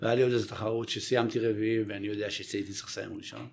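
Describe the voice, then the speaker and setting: A man's voice: on the low side, creaky. A man in his thirties telling stories in a casual chat and acting out what people said. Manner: animated storyteller, acts out quotes. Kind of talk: casual storytelling.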